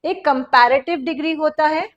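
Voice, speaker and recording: A woman teaching an exam-prep English grammar lesson who explains step by step, slows down for example sentences and keeps checking in with her class. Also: high voice, lo-fi sound.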